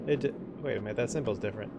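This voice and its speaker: A man's voice: on the low side, racing, gravelly, background noise. A man giving casual commentary while he plays a video game, chatty and reacting aloud, muttering to himself. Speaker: let's play gamer. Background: game music.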